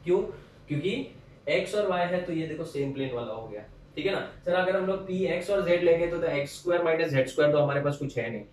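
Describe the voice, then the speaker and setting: Male teacher, fairly high voice, quizzing his class and answering for them; roomy, distant mic. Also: fast talker, a little hiss or hum. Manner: explains step by step, quizzes the students and answers for them. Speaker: chemistry teacher. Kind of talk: classroom lecture.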